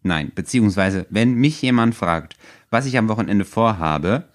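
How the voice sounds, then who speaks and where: A man's voice: lowish voice, animated, normal speed. A man co-hosting a casual podcast about a book, making ironic jokes. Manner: ironic, joking. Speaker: podcast co-host.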